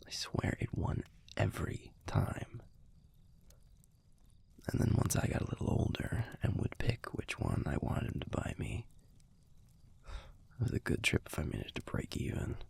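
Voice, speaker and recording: In this intimate audio roleplay, a man with an American accent gives a very animated, full character voice, yet whispers softly to the listener as a gruff, tender young werewolf boyfriend. His husky, breathy, gravelly low murmur is laid-back and halting, sprinkled with casual swearing, as he reminisces with wry fondness.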